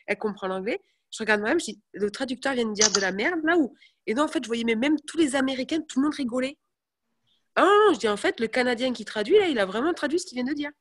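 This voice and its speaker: A young woman chatting casually to her viewers, telling animated stories. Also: on the high side. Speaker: network marketing presenter. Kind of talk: casual live chat.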